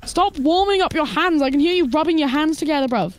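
A high-voiced woman chatting on a live game stream. She teases and jokes in quick bursts, and keyboard typing clicks along under her voice at the desk. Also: slight background noise. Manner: playful, teasing, quick bursts of excitement.

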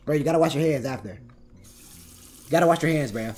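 A young man streaming live game commentary from home, excitable and chatty with lots of slang. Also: fairly high pitch, fairly quick.

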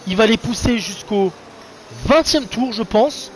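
A young man giving casual, excitable live commentary on an online racing league, chatting to his viewers in a slangy, informal way. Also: high-pitched, a little slow. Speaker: race commentator and streamer.

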